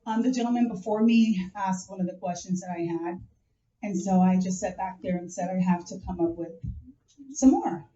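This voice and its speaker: A woman from Nevada, USA, gives an earnest, rambling public comment full of fillers at a community meeting. Her fairly low, warm voice moves at a moderate pace, and the lo-fi recording is noisy, echoey, and far from the mic in a meeting hall.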